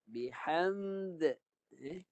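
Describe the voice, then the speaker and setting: Over a video call, a man with a Malaysian Malay accent teaches an online Quran recitation lesson, patiently repeating short drills and corrections. His high-pitched voice is animated but extremely slow, and the sound is lo-fi.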